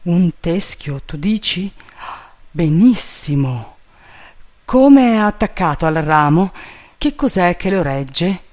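Man voicing an excitable gentleman, commanding, loud, storybook reading. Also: sits high, slow, voice pushed up. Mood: urgent. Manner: urgent, commanding, raised voice. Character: excitable, impatient male gentleman giving orders.

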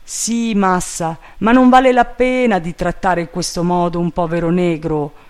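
A man doing a fretful, squeaky male servant. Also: steady tone, a little slow, smooth. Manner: fretful, loud and high. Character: timid, bumbling male servant up a tree.

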